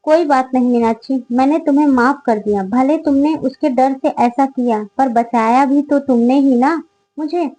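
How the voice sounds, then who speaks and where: Woman as a young woman student, firm and indignant, high mellow voice, story reading. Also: moderate pace, poor audio. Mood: composed. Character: quiet young woman student, proud and hurt.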